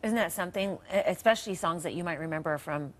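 Lower-voiced woman anchor asking questions. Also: fast talker. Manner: curious, prompting questions. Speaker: morning show anchor. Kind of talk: studio news interview. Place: TV news studio.

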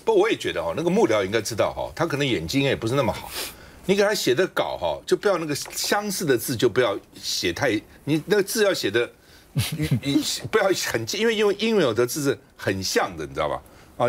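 Man, talk show host, quick, animated pitch, chatty explainer. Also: breathy edge. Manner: chatty, explanatory, ends phrases with a tag particle. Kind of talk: political commentary chat.

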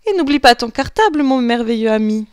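A woman's voice: on the high side, brisk, clear, resonant tone, no room sound, lightly acted. A woman voicing a sly, scheming male fox who sweet-talks and coaxes in a children's storybook reading. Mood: coaxing. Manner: honeyed, coaxing, bright and excited. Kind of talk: storybook voice acting.

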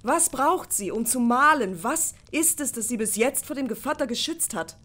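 Brief: a determined young male apprentice, urgent and pleading, pitched up, read by a woman. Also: lively intonation, normal speed, a bit bright. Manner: earnest, urgent, persuasive. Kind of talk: audiobook character voice.

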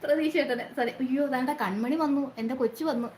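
A woman's voice: high voice, quick pace, a little mellow. A woman hosting a casual live stream, chatting and greeting her viewers by name one after another. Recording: roomy echo, faint noise.

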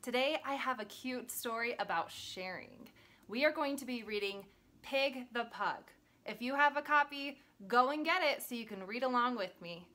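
A woman hosting a children's read-aloud, narrating a rhyming picture book in an expressive, child-friendly way. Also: on the high side, moderate pace.

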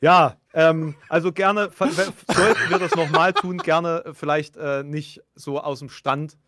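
A man chats casually on a stream, his voice a touch higher than most. He talks in a wry, self-mocking way and often restarts his sentences. The sound is dry and close. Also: steady tone, a little slow, fairly bright tone, dry recording. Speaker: guest. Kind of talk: casual chat.

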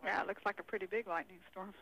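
A woman working as mission control communicator, making brisk and admiring calls over a distant two-way space radio link. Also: medium pitch, fairly even intonation, fairly bright tone, breathy edge, dry recording. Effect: distant two-way space radio transmission.

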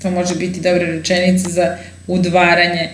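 Woman teacher with a low, echoey voice. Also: monotone, slight background noise. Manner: explains slowly, repeats phrases, thinks aloud with fillers. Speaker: German teacher. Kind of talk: bilingual language lesson.

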